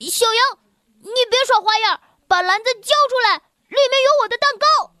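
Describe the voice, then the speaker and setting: A woman's voice: extremely high pitch, lively intonation, unhurried, no room sound, studio quality. A woman voicing a hungry, greedy male big bad wolf in a children's storybook reading, whiny and demanding. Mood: angry.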